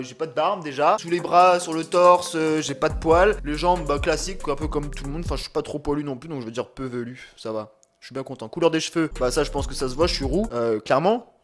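A man's voice: a little high, a bit bright. A young man in his twenties, a YouTuber, chatting to the viewer in a joking, self-mocking way while standing at his desk. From southern France. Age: 20s. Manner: joking, playful, talks straight to the viewer; records standing, bent over his desk. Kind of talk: casual self-deprecating vlog chat.

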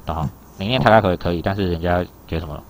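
A man teaches an exam reading lesson in a loose, chatty way. His voice sits low and he talks fast. He keeps asking his students whether they follow along. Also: a little hiss or hum. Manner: explains in a loose conversational way. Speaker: Japanese teacher.

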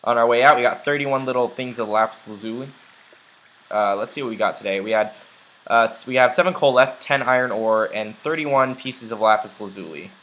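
Casual gameplay commentary comes from a young let's play gamer who chats and rambles with many fillers. His mid-range voice is brisk and a bit bright, and the recording is rough.

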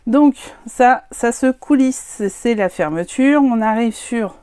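A woman's voice: fairly high pitch, expressive, slow, warm tone, clean tone, no echo. A woman presenting her handmade scrapbook albums in a casual, hesitant way, with many fillers and some self-deprecating remarks. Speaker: scrapbooking vlogger. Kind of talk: casual show-and-tell of crafts.

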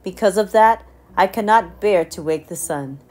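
A woman's voice: medium pitch, moderate pace, a little mellow, close to an everyday voice. A woman voicing a grieving mother owl who speaks sorrowfully. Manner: sorrowful, pleading.

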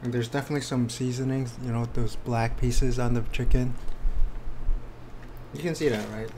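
A man's voice: mid-range voice, steady tone, normal speed, mellow, slight background noise. A man in his thirties casually reviewing food as he eats, talking between bites in a matter-of-fact way. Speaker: mukbang vlogger. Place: small room indoors.

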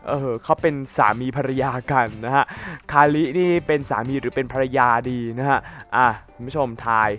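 A man's voice: mid-range voice, normal speed, few pauses, a bit bright, soft background music. A young man with a slight cold, chatting casually to his viewers while playing a game and wandering off into rambling asides. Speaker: gaming YouTuber. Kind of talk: casual gameplay commentary.

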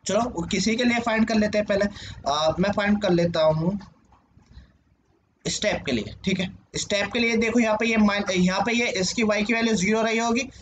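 A man's voice: sits high, normal speed, fairly bright tone. A male teacher explaining a lesson at a board, asking questions and answering them himself, checking in with "okay" often. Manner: frequent "ठीक है" check-ins. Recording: dull lo-fi sound with faint noise.

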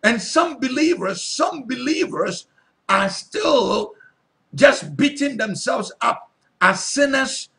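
A man's voice: very high voice, animated, takes it slowly, gravelly, sharp tone. A male pastor preaching a sermon, reading Bible verses aloud and then repeating and stressing them, often asking his listeners if they are listening. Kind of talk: sermon teaching scripture.

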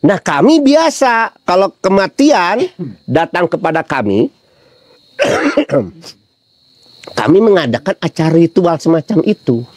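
A man's voice: high voice, very animated, slow pace, pauses often, darkish tone, no echo. A middle-aged man, preaching a casual sermon full of funny anecdotes and rhetorical questions to his listeners. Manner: chatty, humorous storytelling with rhetorical questions to the audience.

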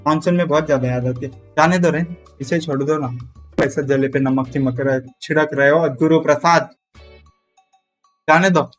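Male streamer, slightly high pitch, rambling jokey chat, faint music underneath. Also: steady tone, moderate pace. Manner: joking, rambling, reads out donations. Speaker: live streamer. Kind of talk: casual live-stream chat.

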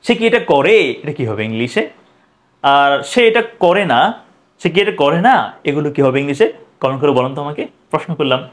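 A man teaching English in a video lesson. He repeats example sentences slowly and keeps asking the viewer questions. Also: fairly high pitch, animated.

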